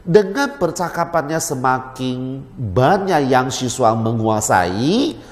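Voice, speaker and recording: A man who runs and teaches at a language school, explaining his method, animated and repeating words for emphasis. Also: medium pitch, takes it slowly. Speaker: Mandarin teacher and school head. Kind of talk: explaining in an interview. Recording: roomy with long reverb.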